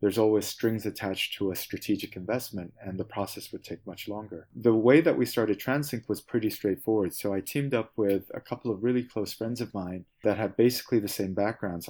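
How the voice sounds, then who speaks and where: A man, answering interview questions in a measured, thoughtful way with frequent pauses. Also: fairly low pitch, steady tone, a little mellow. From South Korea. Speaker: guest, venture capitalist.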